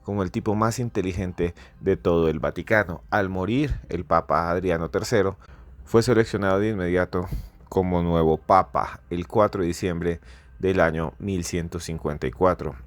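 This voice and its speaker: Male podcast host, dramatic storyteller, lowish voice, dead-dry recording. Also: normal speed, dry recording. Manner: theatrical, repetitive build-ups, rises to near-shouting in climaxes.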